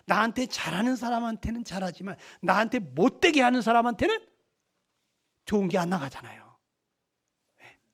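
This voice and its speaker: A man preaching a gospel meeting sermon, emphatic and constantly prodding listeners with rhetorical questions. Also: very high-pitched. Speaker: lay preacher.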